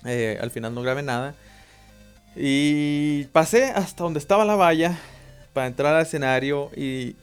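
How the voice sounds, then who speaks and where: A young man with a Mexican accent casually telling a personal story, slangy and animated. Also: fairly high pitch. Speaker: vlogger.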